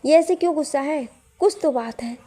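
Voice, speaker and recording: A woman's voice: high-pitched, a little fast, warm tone, voice pushed up, natural voice. A woman voicing a middle-aged mother who scolds her son but fusses over her daughter-in-law. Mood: motherly.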